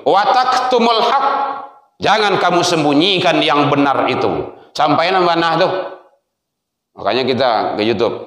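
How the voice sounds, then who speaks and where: Minangkabau man preaching, high voice, very echoey hall, lively storyteller. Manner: animated storytelling, swings between loud exhortation and low asides. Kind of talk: sermon.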